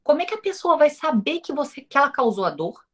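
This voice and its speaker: Lively Brazilian woman teaching a class. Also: sits high, fast. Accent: Brazilian Portuguese. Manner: lively, talks straight to the viewers with rhetorical questions; acts out quoted dialogue in her stories. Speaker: teacher of an online course. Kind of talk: informal recorded lesson.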